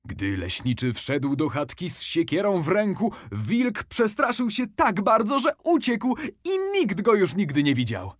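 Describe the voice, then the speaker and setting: Expressive man narrating a bedtime story. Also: sits high, measured pace, hardly any pauses, dry recording, clean studio sound. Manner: expressive, animated.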